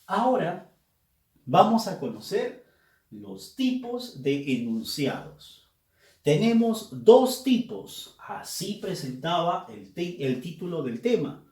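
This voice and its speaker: Slow, deliberate male teacher, echoey. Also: high-pitched, very animated, a little mellow. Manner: slow, deliberate, explanatory, stressing key words. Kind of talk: recorded grammar lesson. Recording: roomy echo.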